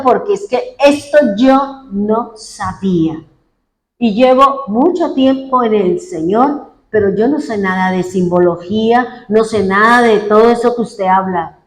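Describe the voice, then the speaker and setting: A woman's voice: high-pitched, darkish tone. A woman pastor preaching a fervent sermon, retelling what congregants said and praying aloud as she goes. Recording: echoey room.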